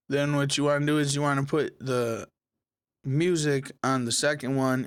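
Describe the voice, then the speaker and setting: A man hosting a casual software tutorial, talking viewers through each step in a relaxed, conversational way. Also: mid-range voice, clean tone, no room sound. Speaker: tech tutorial host. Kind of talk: screen-recorded software tutorial.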